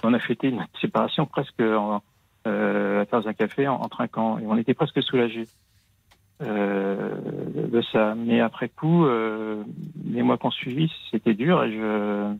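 A husky, gravelly man speaking over a thin phone line. He confides his story to a radio host, stumbling through fillers and restarts. The sound is close and dry. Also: fairly low pitch, dry recording. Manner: halting, many fillers and restarts. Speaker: caller. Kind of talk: hesitant personal confiding on a call-in show.

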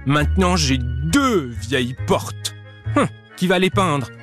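A man's voice: fairly high pitch, expressive, slow pace, a bit bright, faint music behind, voice pushed up. A man voicing a fussy badger who grumbles and whines in a storybook reading. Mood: whiny. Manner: whiny, grumbling.

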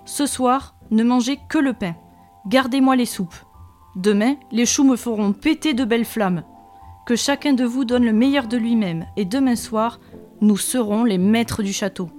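A woman's voice: on the high side, measured pace, a little mellow, soft background music, natural voice. A woman voicing a brave, rousing male dragon leader in a storybook read-aloud, speaking in a rallying, declamatory way.

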